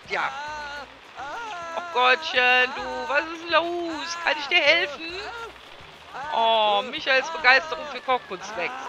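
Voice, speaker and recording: A woman's voice: sits high, noisy background. A woman giving casual gameplay commentary as a let's player, chatting to her viewers and laughing often.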